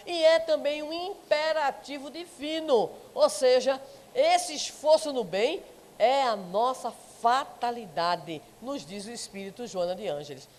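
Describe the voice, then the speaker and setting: A woman with a high voice gives a spiritual lecture in a reverberant hall. She tells stories and throws rhetorical questions out to her listeners. A long echo trails each phrase. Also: a little mellow. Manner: engages the audience with rhetorical questions. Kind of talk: public lecture with storytelling.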